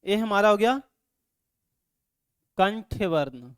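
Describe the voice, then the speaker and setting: A man teaching an online grammar lesson, asking his students questions over and over and loudly sounding out syllables for them to repeat. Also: high-pitched, expressive, slow, clear, resonant tone, no room sound, clean studio sound. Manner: repeats "ठीक है" and quizzes students constantly; drills syllables aloud, louder on examples. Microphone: microphone.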